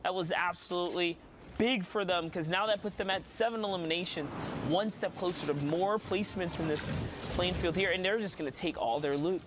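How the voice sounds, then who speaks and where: A man's voice: high voice, a little fast, noisy background. A man giving laid-back, chatty color commentary on a live esports match. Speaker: esports caster.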